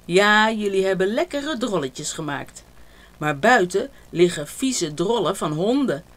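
A woman's voice: medium pitch, sing-song, measured pace. Lady putting on a fussy old granny who draws out her disgust, kids' storybook. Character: fussy, disapproving old grandmother.

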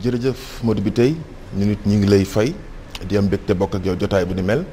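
A man's voice: lowish voice, brisk, dark tone, a little hiss or hum. A young man, a TV pundit giving formal, flowing greetings on a talk show. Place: TV studio set.

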